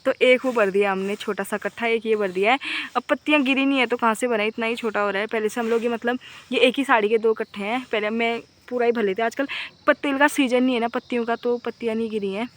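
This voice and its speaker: A young woman from the Uttarakhand hills vlogging casually with a phone while she works outdoors in the forest and fields. She talks loudly and laughs a lot. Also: a little high, fairly even intonation, quick pace. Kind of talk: casual vlog narration.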